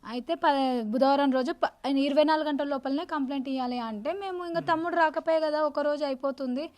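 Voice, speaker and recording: A woman, the victim's older sister, telling her story to a reporter in a rapid, urgent, pleading way. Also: sits high, fairly even intonation, a little mellow. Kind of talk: emotional interview testimony.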